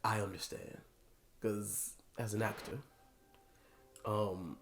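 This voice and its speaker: A man co-hosting a casual discussion show, talking in an animated way with many "like"s. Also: on the low side, slow pace, gravelly, slight background noise. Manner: animated, laughing, says "like" often. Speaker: podcast co-host. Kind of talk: casual chat.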